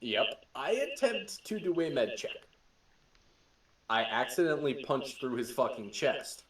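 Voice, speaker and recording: A young man hosting a podcast as a game master, telling stories excitedly with laughter and swearing. The recording is roomy, with a distant mic. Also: medium pitch, a little slow. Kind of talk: casual chat.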